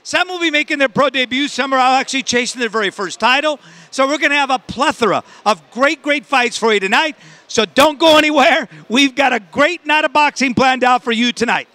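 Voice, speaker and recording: A man hosting a boxing broadcast with energetic sports presenting. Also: very high voice, fairly quick, no echo.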